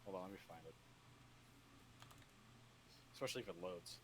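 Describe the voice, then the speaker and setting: A man's voice: low voice, normal speed, a little hiss or hum. A man chatting casually while gaming, rambling and swearing freely. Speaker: gamer.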